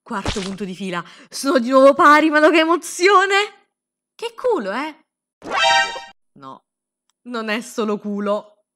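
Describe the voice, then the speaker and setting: A young woman giving an excitable, sarcastic comedic recap, swearing freely as she reacts. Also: high-pitched, measured pace, long pauses, loud music behind the voice. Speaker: anime recap host.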